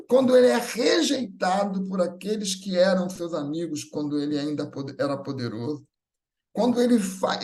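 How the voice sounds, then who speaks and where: At a spiritual gathering, a Brazilian man with a Brazilian Portuguese accent teaches in a notably high, slightly mellow voice. His semi-improvised, didactic explanations repeat phrases for emphasis and check in with short tag questions.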